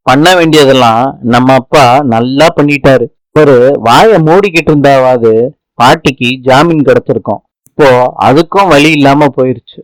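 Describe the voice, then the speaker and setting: A man's voice: mid-range voice, dry recording, low-quality recording. A man narrating a TV serial episode recap in casual colloquial speech, reading out every character's lines in his own voice.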